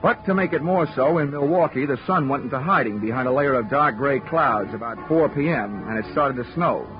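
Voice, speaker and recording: In a lo-fi 1940s radio broadcast with music, a man with a mid-range, near-everyday voice narrates as the lead. He plays a hard-boiled insurance investigator recounting his case with dry wisecracks, his intonation lively, his pace a little fast and his mood wry.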